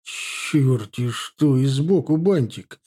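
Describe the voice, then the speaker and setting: A man's voice: mid-range voice, lively intonation, slow, mellow, breathy edge. A man playing a blunt, impatient older general who talks brusquely. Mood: gruff. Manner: brusque, exasperated.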